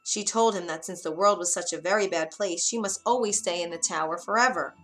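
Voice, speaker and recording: A woman narrating a fairy tale aloud in a clear, measured storybook reading. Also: fairly low pitch, a bit bright, faint music behind.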